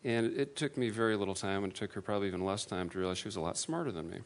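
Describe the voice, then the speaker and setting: Earnest low-voiced man telling his testimony. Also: lively intonation. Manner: earnest, self-deprecating storytelling with halting restarts. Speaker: speaker giving a testimony. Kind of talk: personal testimony talk. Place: room with an audience.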